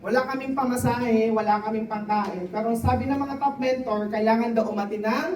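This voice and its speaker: A man's voice: very high voice, steady tone, a little mellow, recorded from a distance. Man testifying in an echoey hall. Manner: addresses the crowd with quick questions. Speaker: testimonial speaker at a sales event. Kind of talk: motivational testimony to a live audience.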